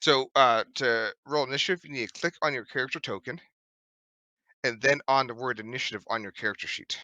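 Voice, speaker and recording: A man running a tabletop game as dungeon master, narrating with frequent ums and pauses. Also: medium pitch, sharp tone, no room sound.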